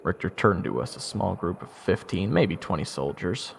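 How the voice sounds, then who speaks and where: A man performs a full character voice, deep, sing-song and creaky at normal speed, as an eager, nervous young soldier wryly narrating his fantasy adventure in first person with self-deprecating humor. Orchestral game music plays behind him, with slight background noise.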